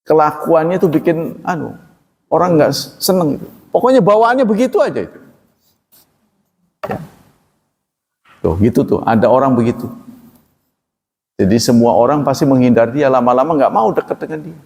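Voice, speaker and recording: Indonesian ustaz lecturing in an echoing hall. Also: male voice, a little high, expressive, moderate pace, vocal fry, long pauses, darkish tone. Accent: Indonesian, from Banten region. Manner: conversational, explains Arabic terms, asks audience questions. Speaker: Islamic teacher. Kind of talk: religious study lecture.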